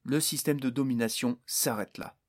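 A man voicing a calm, defiant young hero. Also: mid-range voice, moderate pace, lightly acted. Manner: calm, confident, mocking.

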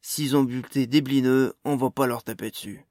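A man's voice: medium pitch, steady tone, moderate pace, darkish tone, no echo, clean studio sound, lightly acted. A man voicing a young male dwarf gang leader in an audiobook, speaking hard and curt with swearing. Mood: hard hostile. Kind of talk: audiobook character voice.

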